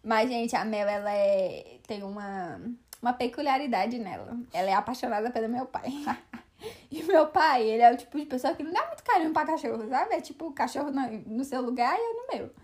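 A young woman co-hosting a casual podcast, telling lively stories and laughing often. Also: a little high, a little fast. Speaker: podcast co-host. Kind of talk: casual chat.

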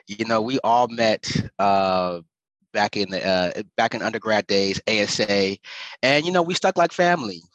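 A man's voice: lowish voice, moderate pace, fairly bright tone, dry recording, lo-fi sound. An American man hosting a podcast in a casual, chatty style. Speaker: podcast host.

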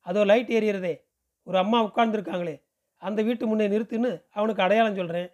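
A man reading a novel aloud as a podcast, narrating in the first person with measured storytelling. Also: high voice, fairly even intonation, darkish tone. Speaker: podcast reader.

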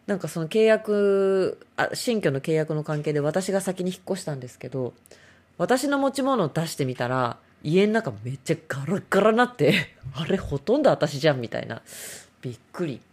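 A woman's voice: deep voice, sing-song, a little fast. A middle-aged woman hosts a casual solo talk show, rambling and self-mocking.

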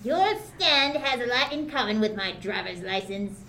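A woman voicing a defiant young hero in an amateur fan dub, shouty and comic. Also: a little high, lively intonation, moderate pace. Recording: roomy echoey sound.

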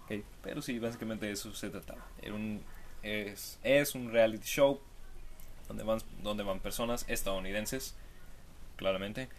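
A man's voice: on the low side, normal speed, slight background noise. A man giving casual, jokey commentary to camera, full of rhetorical asides. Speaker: video commentator.

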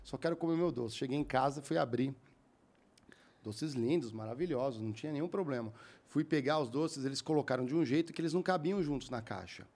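A man's voice: medium pitch, fairly quick. A young Brazilian man hosting a podcast, telling a long everyday story casually and acting out the other people's lines as he goes. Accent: Brazilian Portuguese. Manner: animated, acts out quoted voices. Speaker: podcast host.

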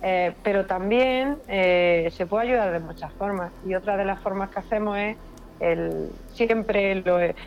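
Expressive Spanish woman telling a story. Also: mid-range voice, unhurried, dull audio. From Spain. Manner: expressive, repeats words for emphasis. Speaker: paranormal investigator guest. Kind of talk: emotional personal storytelling.

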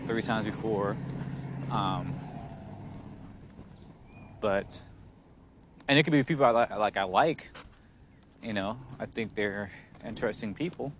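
A man hosting a casual, reflective solo podcast in a halting, hesitant way, pronouncing his r's like w's. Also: on the low side. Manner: says w for r, soft r sounds; hesitant, halting, with frequent chuckles. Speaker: podcast host. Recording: noticeable background noise.

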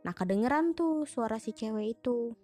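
A woman's voice: fairly high pitch, expressive, moderate pace, mellow. A young woman, casually telling a ghost story in a chatty, slangy way, full of restarts and fillers. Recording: music playing underneath.

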